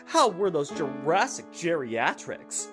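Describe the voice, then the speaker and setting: Woman playing a vain, flamboyant circus magician, swooping pitch. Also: sing-song, takes it slowly, heavily acted. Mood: boastful. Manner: showy, self-adoring, spelling words out. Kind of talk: video game read-aloud. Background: game music.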